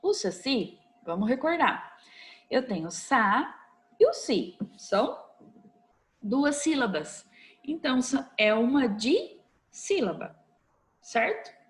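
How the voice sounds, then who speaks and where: A woman's voice: on the high side, very animated, slow, long pauses. A Brazilian woman teaching a recorded online class to young children, patient and coaxing, checking in often with short questions. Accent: Brazilian Portuguese. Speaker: primary school teacher.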